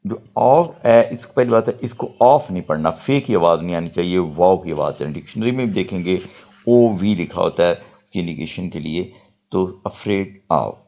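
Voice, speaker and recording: An older man teaching English grammar, saying example sentences slowly and deliberately. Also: low-pitched, animated, warm tone. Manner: slow deliberate model sentences, explanatory. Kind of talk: spoken grammar lesson.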